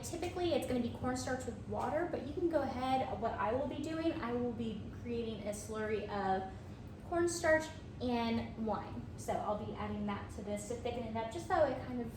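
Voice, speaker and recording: A woman giving a casual cooking vlog walkthrough from her home kitchen in a friendly, chatty way. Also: fairly high pitch. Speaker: home cook. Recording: echoey room, voice from a distance, noisy.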